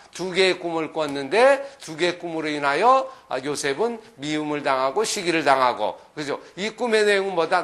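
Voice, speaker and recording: A middle-aged man, a pastor, giving a Bible lesson to children, asking them questions and checking often that they follow. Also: sits high. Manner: lively, asks the listeners questions, often adds "그죠?".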